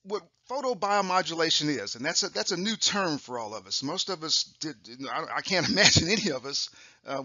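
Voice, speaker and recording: In this continuing-education recording, an older optometrist with a raspy, rather high voice talks through his slides in a loose, friendly manner. His very bright, forward tone comes with lots of fillers, stumbled restarts and throat-clearing. Close to the mic, the audio is dry and slightly dull.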